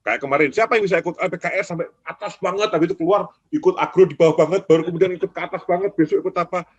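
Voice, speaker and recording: A man with a husky, slightly high voice hosts a relaxed talk about trading. His pitch swings widely as he acts out other traders' complaints. The sound is close and dry. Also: rapid-fire, dry recording, lo-fi sound. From Indonesia. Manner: animated, acts out quoted traders in raised voices. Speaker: trading show host. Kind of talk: casual chat.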